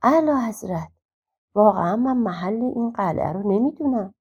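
A woman's voice: mid-range voice, animated, darkish tone, breathy edge, highs cut off. A woman reading aloud voices a humble, frightened young servant who speaks politely and pleads. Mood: pleading.

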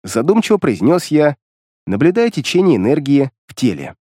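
Expressive male audiobook narrator. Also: mid-range voice, normal speed, clean studio sound. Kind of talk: first-person fantasy narration. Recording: long reverb.

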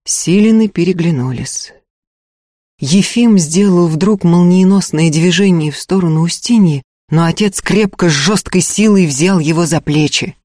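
A woman's voice: fairly low pitch, a little slow, warm tone, no room sound, studio quality. A woman reading a dramatic historical novel aloud as audiobook narrator. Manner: dramatic storytelling.

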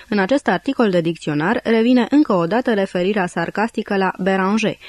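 A woman reads an audiobook in a measured, dry way, taking one dictionary entry at a time. Her voice sits in a middle pitch, and the recording is very dry and close, with no room sound. She lowers her voice to round off each note. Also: a little mellow, no echo. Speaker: audiobook narrator. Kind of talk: scripted audiobook reading.

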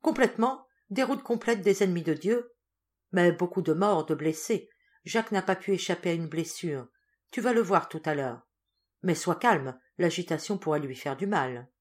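A woman reading the part of a gentle motherly governess, speaking in a soothing but firm way in an audiobook. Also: on the low side, moderate pace, close to an everyday voice.

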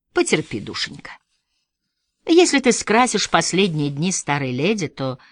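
A practical district nurse coaxes and reassures in a brisk, cheerful tone, as a woman reader gives her voice. The voice is low and sounds close and dry. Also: no room sound, heavily acted. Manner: professionally cheery, coaxing.

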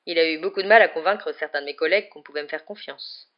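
A woman voicing a grown male wizard teacher who speaks calmly with restrained emotion, on a slightly muffled recording. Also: low voice, fast talker, natural voice. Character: calm, weary adult male wizard teacher.

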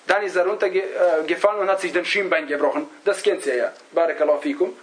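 High-voiced man teaching, halting delivery. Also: poor audio. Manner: halting, searches for words, often adds a questioning "ja?". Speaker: religious teacher. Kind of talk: religious lesson, storytelling to a class.

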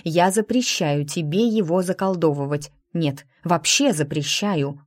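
A woman voicing a caring, protective elder sister who is gentle but firm. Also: on the low side, a little slow, dry recording, clean studio sound.

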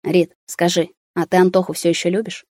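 A woman voicing a calm, polite young man who drives, in a plain, steady voice. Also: lowish voice, fairly quick, no echo, clean studio sound, natural voice.

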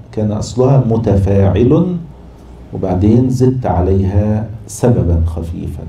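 A man with an Egyptian accent gives a lesson, patiently explaining a text and drawing out syllables one by one. His voice sits low and sounds very dark and mellow. The recording carries the echo of a room, with faint background noise. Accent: Egyptian Arabic. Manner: patient, repeats and spells out syllables slowly. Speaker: teacher of Arabic prosody.

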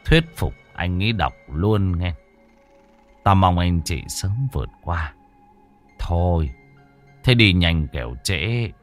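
A man voicing a calm elderly male monk who gives gentle, measured advice in a storybook reading. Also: deep voice, faint music behind. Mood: regretful.

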